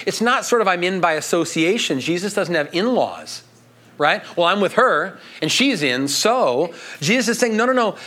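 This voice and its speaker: Male pastor, higher-pitched voice, chatty sermon delivery peppered with asides. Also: animated, normal speed, sharp tone. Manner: conversational preaching with frequent "right?" asides.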